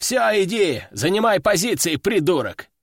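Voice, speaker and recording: A man doing a barking, gruff army veteran. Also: high voice, sing-song, unhurried, fairly bright tone, dry recording, studio quality, pitched above the performer's own voice, exaggerated voice. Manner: barking orders, curses. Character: gruff, bossy male army veteran commander.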